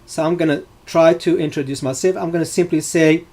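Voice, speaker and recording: Teaching a live online data science class, a middle-aged man from Morocco speaks in a fairly high yet darkish, steady voice. He explains each step patiently, but his pauses fill with ums and uhs and he keeps restarting sentences.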